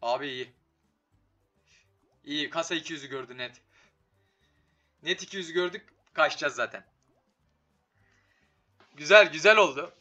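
A man's voice: on the high side, pushed and bright, muffled recording. A man doing casual, slangy live commentary on a slot game, swearing and talking to it, his voice giving out from being a bit sick. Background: game music.

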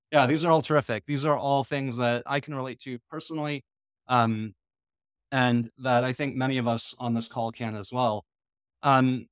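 This middle-aged conference lecturer from the US talks in a clean, mid-range voice, leading a discussion in an online lecture picked up by his video call webcam. He sounds measured and thoughtful, with um-filled pauses and restarted sentences. He's in a small indoor room, and the recording is close and dry, free of echo.

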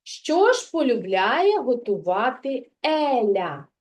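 A woman leads a reading lesson for a small child in a kindergarten classroom. Her voice sits high and she speaks slowly, patient and encouraging as she asks simple questions about sounds and syllables. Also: sing-song. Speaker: preschool teacher.

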